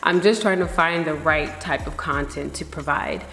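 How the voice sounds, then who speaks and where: A middle-aged woman vlogger chats candidly and reflectively to camera, rambling a little and sounding slightly nasal from a mild cold. Her voice sits low with a fairly bright tone and a moderate pace. The room is echoey, with long reverb.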